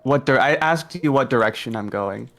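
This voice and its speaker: A man's voice: medium pitch, moderate pace, vocal fry, fairly bright tone. A man playing a tabletop game with a dry, sarcastic delivery. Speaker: player. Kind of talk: casual tabletop play.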